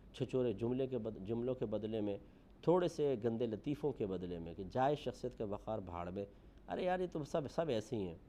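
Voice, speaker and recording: Male preacher, dark mellow tone, earnest moral lecture, faint hiss behind. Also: lo-fi sound. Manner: earnest, moralizing, rises for emphasis then drops low. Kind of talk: religious lecture.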